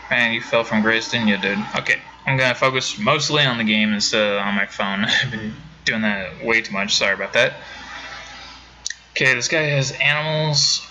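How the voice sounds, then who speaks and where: A man's voice: mid-range voice, moderate pace, sharp tone, lo-fi sound, a little hiss or hum. A man streaming a game from home, chatting casually with viewers and rambling with many self-corrections. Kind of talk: casual let's-play commentary.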